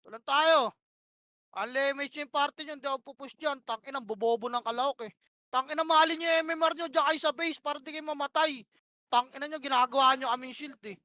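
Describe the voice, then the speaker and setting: A woman's voice: high-pitched, quick pace, pushed and bright, dry recording, clean studio sound. A woman calling plays to her team during an online game, bossy and profane, firing off short repeated commands. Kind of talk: live gameplay shot-calling.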